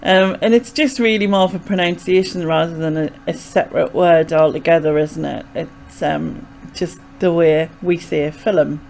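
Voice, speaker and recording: A woman's voice: on the low side, steady tone, normal speed, gravelly, hardly any pauses, darkish tone. A young woman with a Sunderland Mackem accent, chatting casually and hesitantly as she explains things in a rambling way. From North East England. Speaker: vlogger. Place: small bedroom indoors. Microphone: desk microphone with pop filter, close.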